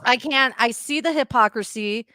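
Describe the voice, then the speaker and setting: A woman's voice: a little high, normal speed, sharp tone, dry recording, clean studio sound. A woman with a Spanish accent on a podcast livestream, speaking in an upset, emphatic way and often repeating herself. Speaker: podcast co-host. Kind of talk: heated livestream discussion.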